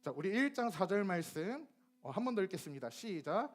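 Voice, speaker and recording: Preaching to teenagers, a young man from Gyeonggi, South Korea, speaks in a high voice at a slightly fast pace. This youth ministry preacher keeps things lively by questioning his audience and acting out dialect phrases.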